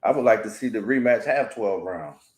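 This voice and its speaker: Agreeable low-voiced man in echoey room. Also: lively intonation, moderate pace, a little mellow. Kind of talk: casual sports chat. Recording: roomy, echoey sound.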